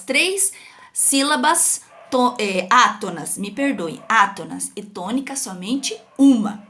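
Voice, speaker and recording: With a Brazilian Portuguese accent, this young teacher leads children through an online grammar lesson. She is patient and sing-song and frequently checks on her pupils. Her pitch is fairly high and her tone fairly bright.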